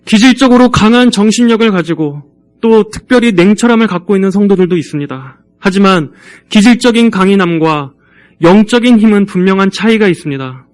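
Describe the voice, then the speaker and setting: A man preaching a sermon in a church, his voice pitched high and ringing smooth and clear. He exhorts the congregation earnestly, at a measured pace. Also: lively intonation. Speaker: pastor.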